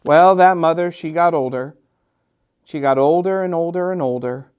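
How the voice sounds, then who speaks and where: Higher-pitched man reading a storybook aloud. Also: smooth. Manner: gentle, drawn-out, sing-song repetitions with dramatic emphasis. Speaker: storytime host and children's author. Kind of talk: expressive picture-book reading for children.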